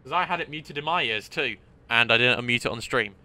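A man's voice: medium pitch, a little fast, pushed and bright, faint music behind. Upbeat man streaming a train game. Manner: upbeat, chatty, with sound-effect exclamations. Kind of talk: casual gameplay commentary.

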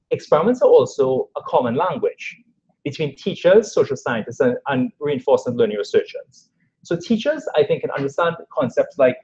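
A man with a Trinidadian accent explains his research at a workshop, his pitch rising and falling with lively energy. His voice has a husky edge, and the recording is dull and lo-fi. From Trinidad and Tobago. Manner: lively explanatory talk with frequent "you know" and "kind of". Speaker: assistant professor giving a research talk. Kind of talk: academic workshop talk. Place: lecture room at a workshop.

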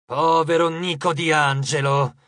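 A mocking, cruel god of love speaks slowly and deliberately, as a male audiobook narrator puts him on. Each word is stretched out and pressed forward with a loud, taunting weight. The voice sits fairly high for a man. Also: lively intonation, slightly rough, dry recording, studio quality, exaggerated voice. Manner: slow, drawn-out, taunting delivery.

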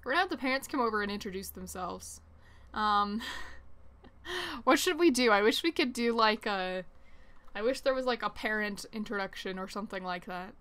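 Bright-voiced young woman narrating gameplay. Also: mid-range voice. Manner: chatty, rambling, reacts with surprise. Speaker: let's play host. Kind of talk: casual gameplay commentary.

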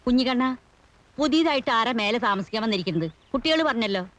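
A woman's voice: fairly high pitch, lively intonation, fast, natural voice. A woman playing a fiery old grandmother landlady. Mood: curious. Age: older. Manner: scolding, loud and commanding. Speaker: actor. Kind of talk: film acting.

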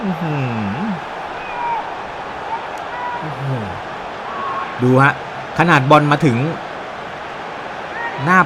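A man giving excited, animated play-by-play commentary on a football video game, with frequent exclamations and a Thai accent. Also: mid-range voice, drawn-out words, long pauses, a loud crowd, heavy background noise. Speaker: gaming YouTuber.

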